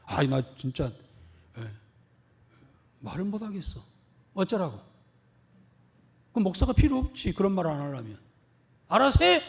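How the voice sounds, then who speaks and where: A man's voice: high voice, big pitch swings, normal speed, creaky, long pauses, heavily acted. A man acting out a frustrated churchgoer who talks back to his pastor with exasperated, defiant complaints. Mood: indignant.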